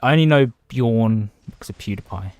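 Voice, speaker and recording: A man's voice: mid-range voice, expressive, brisk, darkish tone, clean tone, no room sound. A man casually chatting on a livestream from home, rambling between topics and greeting viewers by name. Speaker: livestreaming gamer.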